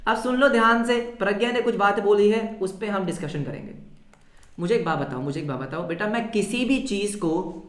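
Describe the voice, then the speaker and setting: Brief: energetic male accounting teacher, quizzes the class, answers in the students' voice, echoey room. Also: high-pitched, normal speed. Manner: mixes English terms into Hindi. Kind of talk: live online class lecture. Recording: roomy echo.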